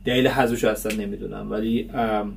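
A man's voice: fairly low pitch, level tone, creaky, recorded from a distance, a little hiss or hum. Chatty male reviewer, slightly off-mic. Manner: chatty, many fillers. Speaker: series reviewer host. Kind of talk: casual review vlog.

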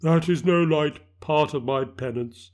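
A man's voice: fairly high pitch, a little slow, natural voice. A man voicing the anguished ghost of a dead miser, wailing and declamatory. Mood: warning.

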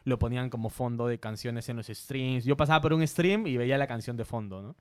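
A man's voice: mid-range voice, brisk, a little mellow, clean tone. A man from Peru, a content creator, telling a story in a casual interview, earnest and a little self-conscious, often restarting his sentences.

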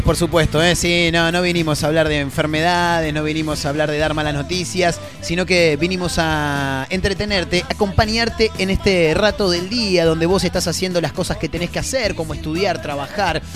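Joking Argentine radio host, high voice. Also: male voice, a little fast, over music. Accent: Rioplatense Spanish. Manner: playful, joking, animated. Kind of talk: comic radio show banter. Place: radio studio.

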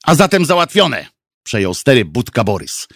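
A man telling a mocking satirical political story on the radio, sardonic and lively. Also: medium pitch, normal speed, husky, no echo, clean studio sound.

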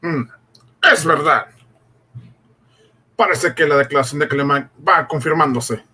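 A male actor playing an authoritative army general with a husky, commanding delivery in an old radio drama. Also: on the high side, a little slow, pushed and bright, exaggerated voice. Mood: pondering.

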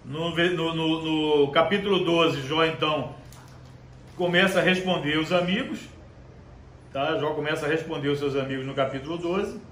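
A male preacher delivering a conversational sermon, reading scripture aloud slowly and checking in with his listeners. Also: on the high side, steady tone, a bit bright, slight background noise. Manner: conversational, constant tag questions. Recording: echoey room with faint ambience.

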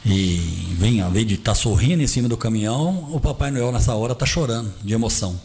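A middle-aged man, a guest who plays Santa Claus for charity, telling a story in an animated, emphatic way in a casual interview. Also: lowish voice, fairly quick, vocal fry, slight background noise.

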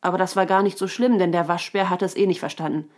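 A woman pastor giving a short recorded devotion by telephone, speaking calmly and reading a story aloud. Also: on the low side, quick pace.

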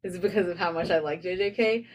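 A woman's voice: lowish voice, fast. A woman in casual chat, playful and laughing often, with lots of fillers. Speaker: co-host of a drinking game chat. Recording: far from the mic with faint noise.

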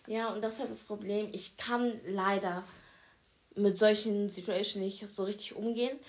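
A woman's voice: mid-range voice, fairly even intonation, moderate pace. A young woman hosting a casual podcast chat, talking straight to her listeners and often breaking off to restart her sentences. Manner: chatty, addresses listeners as "Leute", trails off and restarts. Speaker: podcast host.

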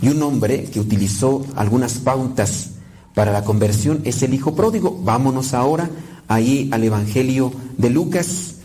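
Man, preacher, sermon, mellow voice, chatty tag questions. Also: medium pitch, normal speed, rough recording. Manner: conversational, with tag questions and quoted asides.

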